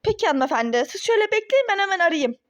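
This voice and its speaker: A woman's voice: very high-pitched, big pitch swings, very fast. A woman voicing a polite, formal office secretary who placates an angry visitor in a toy-game role-play drama. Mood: placating.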